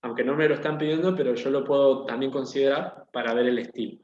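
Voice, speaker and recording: A man teaches a class at an even pitch, walking his students through each example with patient questions. His voice sounds muffled and carries a roomy echo, with faint typing behind it. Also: quick pace. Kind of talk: online class lesson. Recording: dull, echoey room audio.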